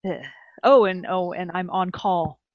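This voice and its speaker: A woman's voice: mid-range voice, normal speed, dry recording. Chatty texan woman hosting a podcast, dry slightly dull mic. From Texas. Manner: chatty, animated, laughs often. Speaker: podcast host. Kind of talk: casual podcast chat.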